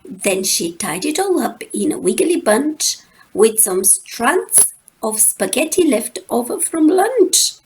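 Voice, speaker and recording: A woman reads a rhyming children's story aloud with expressive rhythm, dramatic pauses and drawn-out words. Her fairly high voice swings widely in pitch.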